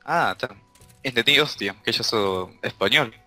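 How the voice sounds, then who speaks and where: A man's voice: mid-range voice, animated, normal speed, bright, forceful tone. An Argentine man from Buenos Aires province making short, blunt remarks while playing a video game. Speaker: guest player. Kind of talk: casual gameplay chat. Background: game music.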